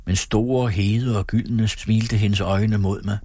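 A man reading a literary novel aloud in a measured, dramatic way. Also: fairly low pitch, steady tone, mellow. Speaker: audiobook narrator. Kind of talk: scripted literary narration.

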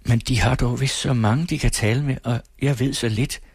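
A man's voice: medium pitch, fairly even intonation, slightly rough, dry recording, clean studio sound. A man reading aloud, voicing a shy, earnest young woman who speaks eagerly and breathlessly. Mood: shy doubt.

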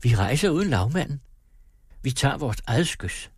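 A man voicing a lively, affectionate young wife who talks playfully and tenderly in an audiobook. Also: mid-range voice, slightly rough, dry recording, studio quality, voice pushed up. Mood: tender, eager.

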